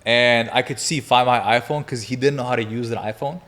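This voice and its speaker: A man in his twenties, a podcast guest, telling a wild story in casual chat, energetic and profane, laughing as he goes. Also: medium pitch, a little fast.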